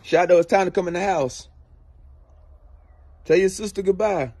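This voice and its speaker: A man's voice: sits high, normal speed, a little mellow, slight background noise. A man chatting with enthusiasm to his dog. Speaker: dog owner. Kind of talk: casual talk to a pet.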